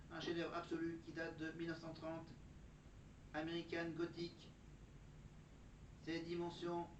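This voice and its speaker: A man putting on the flat, monotone voice of a chatbot robot while reading out facts, picked up far from the mic in a dull, noisy recording. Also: a little high, roomy sound, lightly acted. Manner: even, mechanical reading of facts. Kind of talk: factual segment delivered as a robot.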